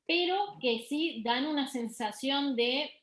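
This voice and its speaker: A woman's voice: sits high, slow pace, fairly bright tone, rough recording. A middle-aged woman giving a university lecture on music therapy, explaining patiently with fillers and restarts.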